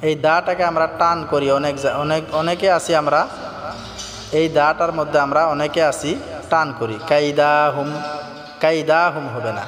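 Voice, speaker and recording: A man teaching recitation pronunciation, patient and explanatory, repeating words slowly to demonstrate. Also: on the high side, a bit bright, in a large hall. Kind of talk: spoken pronunciation lesson.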